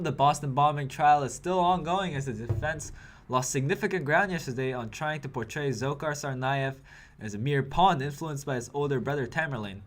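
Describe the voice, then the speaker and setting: A young man reads the news in a mid-pitched voice. He mixes scripted reports with wry, editorial comments of his own, delivered like an anchor of a small online show. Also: a bit bright. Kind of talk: news report with personal asides.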